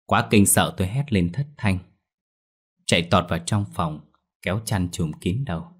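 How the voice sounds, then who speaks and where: A man narrating a ghost story in a hushed, suspenseful way. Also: sits low, normal speed, slightly rough.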